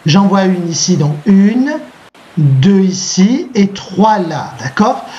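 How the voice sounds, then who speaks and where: A French man teaching a recorded class, dictating slowly, repeating himself and checking in with his pupils. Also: high voice, animated, darkish tone. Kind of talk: recorded lesson with slides. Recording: muffled lo-fi recording.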